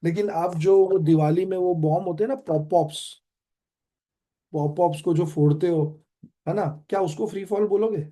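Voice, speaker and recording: A man with an Indian accent teaching physics online, quizzing students with quick questions and switching between Hindi and English. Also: sits high, warm tone. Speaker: physics tutor. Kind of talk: online classroom lecture.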